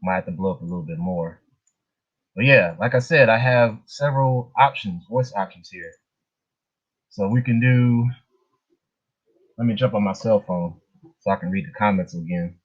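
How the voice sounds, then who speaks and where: A male livestream host chats informally with viewers, chuckling now and then; his lowish voice keeps a normal speed broken by long pauses. The lo-fi audio is dull and muffled.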